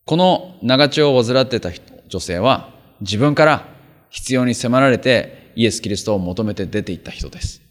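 A pastor reading scripture aloud and then explaining it in a relaxed, conversational sermon. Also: male voice, medium pitch, normal speed. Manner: conversational, explains with casual asides and fillers. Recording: long hall reverb.

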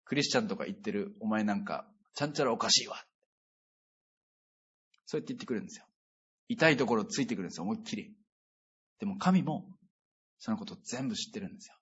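A pastor preaching a sermon in a conversational, earnest way, with emphatic sentence endings. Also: male voice, lowish voice, animated, fast, pauses often, a bit bright, breathy edge. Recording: dull lo-fi recording.

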